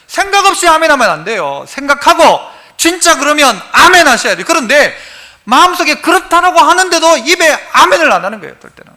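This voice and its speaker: Pastor, male, very high tense voice, folksy call-and-response preacher in a church. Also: fairly quick. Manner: lively, quizzes the congregation and prompts responses; folksy and humorous. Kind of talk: sermon. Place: church sanctuary, live service.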